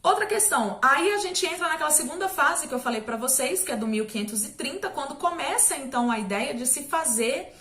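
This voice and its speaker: A woman's voice: sits high, lively intonation, fairly quick, few pauses, sharp tone. A woman from Brazil teaching a recorded history lesson in a chatty, conversational way, checking in with students often and slipping in small jokes. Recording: echoey room.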